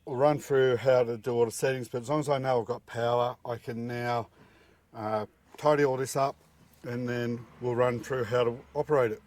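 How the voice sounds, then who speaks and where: A middle-aged DIY presenter explains a job one step at a time, outdoors at a car's engine bay and inside the cab. His voice sits at a medium pitch with a steady, somewhat dark tone and a normal speed. He sounds casual, plain-spoken and practical, and the recording has no room sound.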